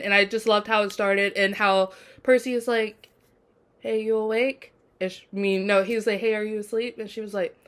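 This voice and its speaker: A young woman chats casually to camera, gushing and rambling, peppering her talk with "like" and "y'all". Her voice sits a little high. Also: fairly bright tone. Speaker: TV episode reviewer. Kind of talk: casual chat.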